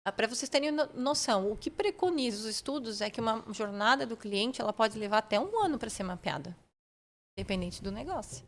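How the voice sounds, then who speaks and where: A woman's voice: a little high, animated, a little fast. A woman guest on a podcast, explaining customer service methods step by step and often checking in with the listener. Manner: methodical, often tags phrases with "né?". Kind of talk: explanatory interview talk.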